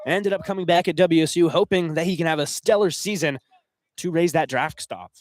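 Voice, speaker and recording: A man's voice: a little high, brisk, no room sound, studio quality. Young man calling college baseball play-by-play. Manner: excitable, voice climbs on big plays. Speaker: play-by-play announcer.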